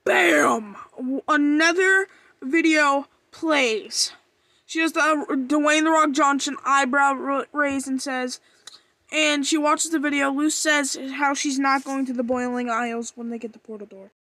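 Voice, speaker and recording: A high-pitched woman rambles through a cartoon episode recap, full of fillers and restarts. Every so often she breaks into loud, excited cries. Her voice is close and dry, with no room sound. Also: moderate pace, dry recording.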